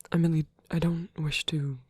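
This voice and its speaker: This scripted romantic audio drama features a performer playing a soft-spoken, earnest vampire priest in ASMR roleplay, speaking quickly in a breathy, whispery murmur that sounds hesitant and uses formal phrasing. The medium pitch stays flat, close to an everyday voice, and the close microphone gives a dry recording.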